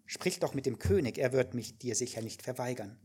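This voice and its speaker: A man voicing a pleading young princess in a scripture reading, husky and plain. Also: mid-range voice, animated, brisk, darkish tone. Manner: plain read-aloud delivery.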